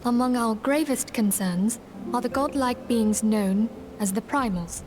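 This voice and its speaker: An actress voicing a solemn female leader of a secret order in a game, speaking in formal, measured, old-fashioned phrasing. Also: a little high, noisy background, lightly acted. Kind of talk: game voice acting.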